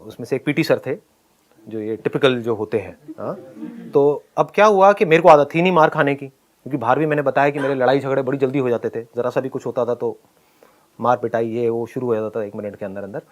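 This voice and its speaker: A middle-aged man casually telling a personal story, animated, often laughing and acting out what people said. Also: medium pitch, brisk, a little hiss or hum. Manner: animated, laughs while telling, acts out quoted lines.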